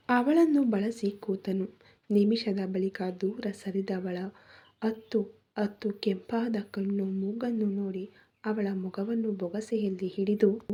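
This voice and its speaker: A woman narrating a scripted story in a soft, near-whispered reading voice. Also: mid-range voice, husky.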